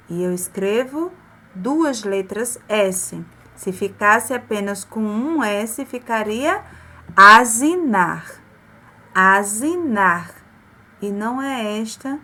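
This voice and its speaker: A woman with a Brazilian Portuguese accent teaching a primary class, stretching out and repeating words slowly for children. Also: fairly high pitch. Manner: slow, drawn-out spelling of words, repeating them for children. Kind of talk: recorded remote class lesson.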